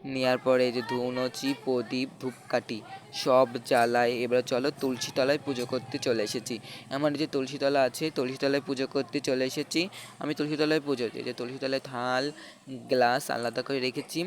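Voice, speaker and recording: A man talks viewers through a home prayer ritual in a level, unvaried tone. He narrates in halting, repetitive steps, often restarting his words. A faint hiss sits under his voice. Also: medium pitch, level tone. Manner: halting, repetitive explanations with frequent restarts and fillers; talks directly to viewers, inviting them to watch. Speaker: channel host. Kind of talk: casual step-by-step narration of a home worship ritual.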